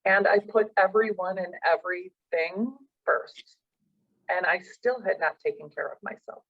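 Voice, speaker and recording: A woman's voice: lowish voice, unhurried. A middle-aged woman, a professional coach, earnestly tells a personal story in an interview, acting out the dialogue she recalls. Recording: dull lo-fi sound.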